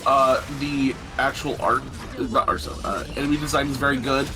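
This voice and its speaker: A man co-commentating on a game stream in a casual, geeky way. He sounds playfully enthusiastic, and game music plays clearly behind him. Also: mid-range voice, fairly even intonation, normal speed, poor audio. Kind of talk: casual chat over gameplay.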